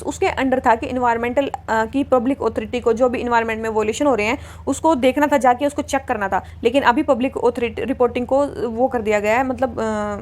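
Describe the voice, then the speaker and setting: Chatty woman teacher, higher voice. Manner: chatty, repeats key points, asks questions. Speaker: exam prep teacher. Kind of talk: explaining quiz answers, mixing Hindi and English.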